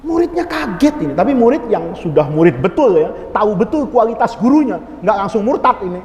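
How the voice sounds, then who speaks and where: Lively, joking male preacher with a high voice, echoey mosque hall. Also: brisk, highs cut off. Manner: humorous, lively storytelling with laughs. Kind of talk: storytelling sermon.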